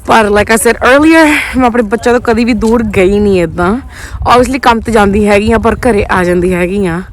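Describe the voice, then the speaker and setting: A woman's voice: medium pitch, moderate pace. A woman vlogger chatting casually to her viewers, slipping English phrases into her talk. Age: adult, a mother of children. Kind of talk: casual vlog chat.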